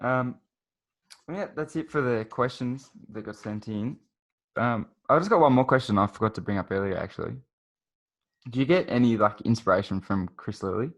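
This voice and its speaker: A teenage Australian man with an average-pitched voice. He hosts a casual podcast. His way of talking is informal and matey. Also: moderate pace. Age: late teens. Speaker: podcast host. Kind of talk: casual interview chat.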